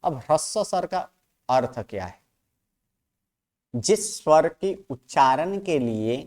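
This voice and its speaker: Slow, lively-pitched classroom teacher, male. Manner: slow, questioning, repeats points to the class. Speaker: Sanskrit grammar teacher. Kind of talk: classroom lecture. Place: classroom, writing on a board.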